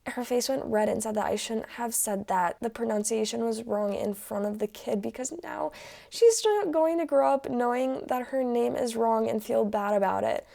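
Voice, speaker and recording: A woman hosts her own channel, reading online posts aloud and chiming in with blunt, casual reactions. Her voice has a gravelly fry to it and a mellow, darker tone, and she swears freely as she comments. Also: on the high side, normal speed.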